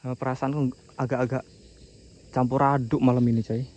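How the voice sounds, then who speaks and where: A man's voice: mid-range voice, flat delivery, brisk, warm tone, dull audio. A man chatting casually to viewers as host of an outdoor night camping vlog. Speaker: host of a camping horror channel. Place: outdoors at a night campsite under bamboo. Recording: clear night insect noise around voice. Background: crickets and insects.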